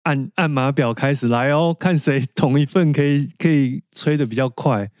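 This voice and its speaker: Brief: male podcast co-host, average pitch, easygoing anecdote-teller, dry studio sound. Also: moderate pace, a little mellow, dry recording. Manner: conversational, tells anecdotes with opinions. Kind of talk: casual chat on classical music.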